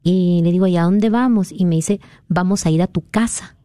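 Woman from Peru, mellow tone, dry close sound, earnest storytelling. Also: fairly low pitch, normal speed, no room sound. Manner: earnest, animated retelling of a dream. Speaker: guest sharing a testimony. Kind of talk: conversational storytelling.

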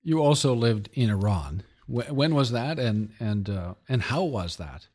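A man hosting a podcast interview, speaking in a measured way with some hesitations. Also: mid-range voice, animated, a little mellow, breathy edge. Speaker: podcast host.

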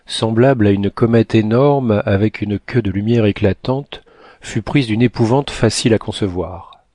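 A man narrating an adventure novel as a scripted audiobook, reading in a steady, measured way. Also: lowish voice, dry recording.

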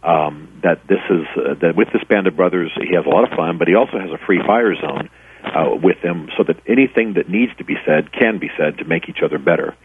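A middle-aged man, an author and former pastor, earnestly tells stories in a radio interview, restarting often. His low voice is slightly rough and a little fast, carried over a tinny, dry phone line.

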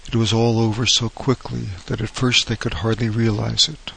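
A man reading an old horror short story aloud as narrator, in a steady, even way. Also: mid-range voice, normal speed, creaky, slightly rough, low-quality recording.

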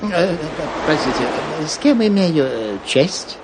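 A man's voice: a little high, sing-song, slow, heavy background noise. An actor playing a fussy, absent-minded male traveling scholar in an old radio play, chatting and stammering. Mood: chatty.

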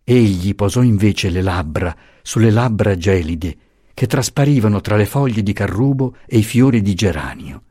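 A man reads a literary novel aloud in a low, mellow voice, his pitch moving widely as he shapes each sentence. His delivery is slow and measured, close to the mic in a dry space with no room sound. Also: animated, husky, no echo. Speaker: audiobook narrator. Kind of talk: literary audiobook narration.

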